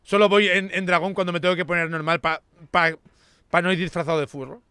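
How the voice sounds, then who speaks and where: Man, bright voice, lively pitch, dry close sound, bossy haggling role-play chat. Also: quick pace, smooth, no room sound. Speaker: streamer and role-play player.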